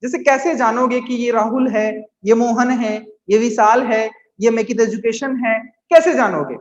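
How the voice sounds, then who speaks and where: A man teaching physics to students, coaxing them along and slowly repeating key terms. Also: very high-pitched. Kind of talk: classroom lecture to students. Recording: echoey room, dull lo-fi sound.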